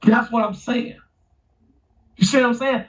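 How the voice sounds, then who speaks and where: A man co-hosting a talk show, talking in a profane, preachy and animated way. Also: extremely high pitch, measured pace. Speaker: podcast co-host. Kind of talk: casual chat. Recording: distant lo-fi mic.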